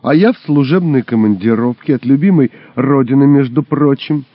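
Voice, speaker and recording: A man's voice: mid-range voice, normal speed, dry recording, close to an everyday voice. A man putting on a brash mocking Soviet woman. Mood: sassy. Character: sharp-tongued sarcastic Soviet woman journalist. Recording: dull lo-fi recording.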